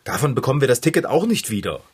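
An actor playing an excitable, dramatic young bicycle mechanic in a radio play. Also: medium pitch, racing, husky. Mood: resigned.

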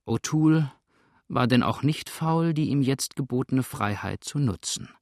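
A man reads a classic adventure story in a steady, measured narration. His voice sits in a middle pitch and the recording is dry and close, with no room sound. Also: dry recording. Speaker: audiobook narrator. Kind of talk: scripted narration.

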